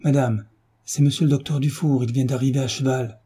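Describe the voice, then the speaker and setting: A man reading the lines of a respectful female house servant in a polite, deferential way, with a husky voice. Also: mid-range voice, steady tone, a little fast, warm tone.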